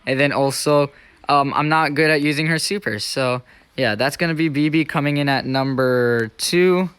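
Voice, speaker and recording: A man's voice: fairly high pitch, normal speed, a bit bright, smooth. A man giving casual, chatty, self-deprecating listicle countdown commentary over video gameplay as the host.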